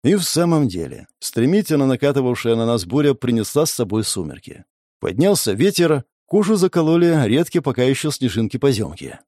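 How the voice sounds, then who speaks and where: A man reading an audiobook in the first person, with expressive, varied intonation. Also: medium pitch, brisk, dry recording, studio quality. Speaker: audiobook narrator.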